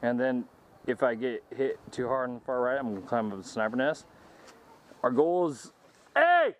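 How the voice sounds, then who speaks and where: A man filming an airsoft game on an old camcorder outdoors, shouting calls and plans to his teammates. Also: medium pitch, sing-song, normal speed, slight background noise. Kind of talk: excited play-by-play while filming. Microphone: handheld camcorder mic.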